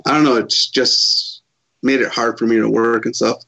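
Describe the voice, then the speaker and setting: A man in his thirties from Chicago, a podcast guest answering in a halting, hesitant way. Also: mid-range voice, level tone, creaky, bright, forceful tone. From Chicago, USA. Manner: halting, hesitant, many pauses. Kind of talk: casual interview answers. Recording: dull lo-fi sound.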